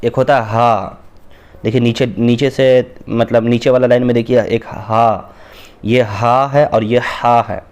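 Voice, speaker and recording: A man teaches beginners to read the Quran. His voice sits at a middle pitch, and his manner is patient and steady. He repeats each Arabic letter slowly and draws it out. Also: smooth. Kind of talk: Quran reading lesson for beginners.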